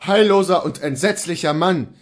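A man's voice: high-pitched, moderate pace, pitched above the performer's own voice. A man reading the part of a stern, indignant male church reformer, scolding in thundering rebukes. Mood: indignant wrath.

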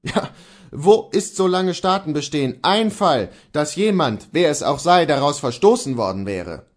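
A man's voice: a little high, sing-song, measured pace, voice pushed up. A man reading the part of a stern, indignant male church reformer, scolding in thundering rebukes. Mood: indignant wrath.

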